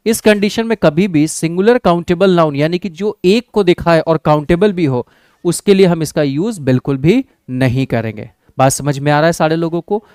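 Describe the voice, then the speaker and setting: Indian male English teacher, crisp voice. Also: a little high, a little mellow, no echo. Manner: checks in with the class, calls students "babu" and "bhai"; reads English sentences out slowly and deliberately. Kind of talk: exam-prep lesson.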